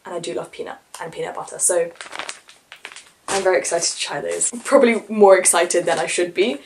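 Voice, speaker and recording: A teenage girl chatting excitedly through a casual haul vlog, gushing over her presents. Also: lowish voice, fairly quick, gravelly, slight background noise. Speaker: vlogger.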